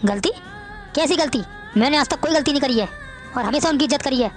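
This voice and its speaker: Woman voicing a young brother in a family drama, high-pitched and quick-spoken, pleading and prickly. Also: faint music behind, lightly acted. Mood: angry. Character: young man, poor brother, touchy but meek. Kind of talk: Hindi family drama acting.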